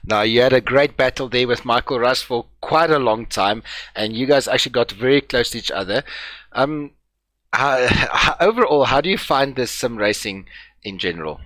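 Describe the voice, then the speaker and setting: A man's voice: mid-range voice, expressive, moderate pace, fairly bright tone, dry recording, low-quality recording. A man with a broad South African accent, commentating on sim racing as host and chatting casually. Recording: clear vehicle and ambient noise.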